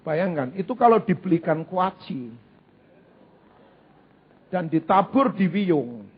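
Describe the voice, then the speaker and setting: A man preaching a sermon in an animated, humorous way, with repeated phrases. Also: high voice, slow, husky. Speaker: pastor. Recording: dull lo-fi church recording.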